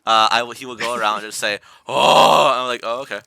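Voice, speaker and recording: A man's voice: medium pitch, flat delivery, racing, bright, forceful tone, clear, resonant tone. A man co-hosting a casual podcast chat with friends, rambling and restarting his sentences often. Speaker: podcast co-host.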